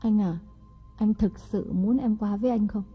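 Woman voicing a husky, scheming young wife. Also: medium pitch, dull audio, soft background music, lightly acted. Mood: coaxing. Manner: sweet-talking, slow and deliberate. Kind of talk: audiobook character reading.

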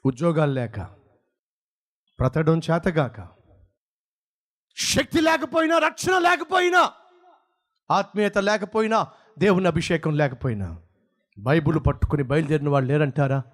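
A male pastor preaching a sermon dramatically, swinging from low, quiet words to shouts. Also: very animated, normal speed, long pauses.

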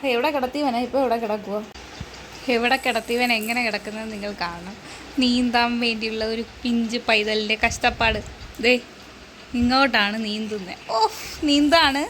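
Woman pet vlogger at home, high bright voice, sing-song baby talk to her animals, quieter asides to viewers. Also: slight background noise. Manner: narrates to viewers in a softer, lower voice. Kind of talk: casual vlog talk to pets.

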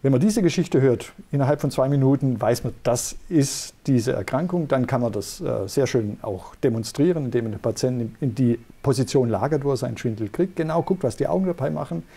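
Gravelly, husky German-speaking doctor. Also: male voice, mid-range voice, animated, warm tone. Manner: measured, patient explaining. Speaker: neurologist guest. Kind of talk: explanatory interview.

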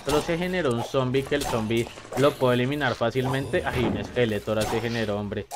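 A man giving chatty, excitable let's-play commentary and talking straight to his viewers. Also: mid-range voice, fast talker. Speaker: gamer.

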